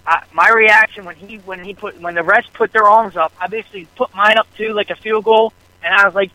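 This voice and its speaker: A man excitedly telling a rambling story about a football game, co-hosting a casual sports chat. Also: sits high, fairly quick, dry recording, poor audio. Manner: animated storyteller, rambling with restarts. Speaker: podcast co-host.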